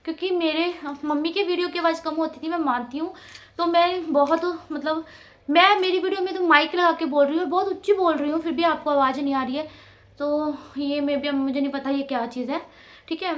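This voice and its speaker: A woman's voice: sits high, a bit bright. A woman in her thirties chatting casually at home for her vlog, talking into a clip-on mic in a rambling, chatty way. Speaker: vlogger. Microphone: clip-on mic close to mouth.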